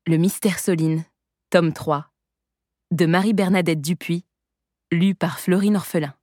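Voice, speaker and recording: Low-voiced woman narrating an audiobook. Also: steady tone, a little slow, dark tone, no room sound, clean studio sound. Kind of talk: scripted narration.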